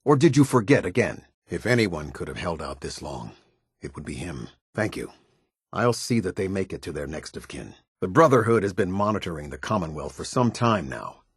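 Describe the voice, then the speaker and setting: An actor playing a stern, disciplined military captain in a video game, speaking in a formal, clipped, authoritative way. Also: male voice, low voice, breathy edge, dry recording, clean studio sound, full character voice. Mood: stern, commanding. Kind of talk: scripted game character dialogue.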